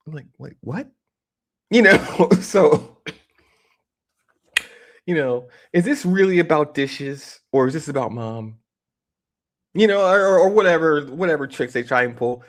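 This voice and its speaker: A man's voice: on the high side, animated, unhurried, pauses often. A man in his forties giving casual, opinionated reaction commentary on a video, rambling and joking as he goes. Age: 40s.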